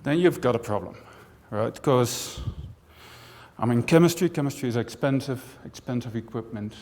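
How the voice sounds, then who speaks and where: A man from the Netherlands gives a talk to a room full of people, chatty and wry, and he keeps checking in with the crowd. His voice sits at an ordinary pitch. A long reverb from the large auditorium trails behind every phrase. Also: normal speed. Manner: lively, conversational, with dry jokes and frequent "right?". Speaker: university professor and speaker. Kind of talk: conference talk to an audience.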